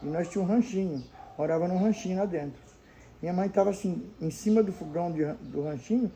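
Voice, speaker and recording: Speaking in a fairly low, dark voice, an older woman from Brazil responds to viewers with casual, homey stories from her childhood, voicing the lines of each character. The recording is rough, with slight background noise.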